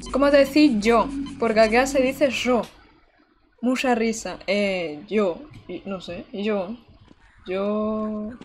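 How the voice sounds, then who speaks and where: A woman's voice: medium pitch, steady tone, takes it slowly, soft background music. A young woman from Barcelona streaming a video game live, chatting with viewers in a casual, exclamatory, giggly way, speaking into a desk mic indoors. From Barcelona, Spain. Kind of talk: casual live-stream chat while gaming. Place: indoor room.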